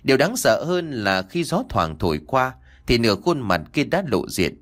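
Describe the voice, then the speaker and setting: A man's voice: big pitch swings, moderate pace, fairly bright tone. A man narrating a ghost story in a dramatic storytelling style. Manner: dramatic, sweeping pitch.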